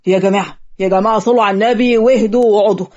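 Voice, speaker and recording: A woman's voice: medium pitch, steady tone, darkish tone, close to an everyday voice. A woman with an Egyptian accent voicing a clumsy, teasing young male marriage officiant in a cartoon story. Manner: teasing, quick comic retorts. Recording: lo-fi muffled audio.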